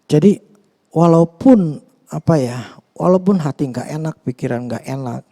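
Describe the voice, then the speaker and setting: Mellow-voiced pastor preaching. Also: male voice, fairly high pitch, expressive, unhurried. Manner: conversational, hesitant with many fillers and restarts; earnest, confessional. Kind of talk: sermon.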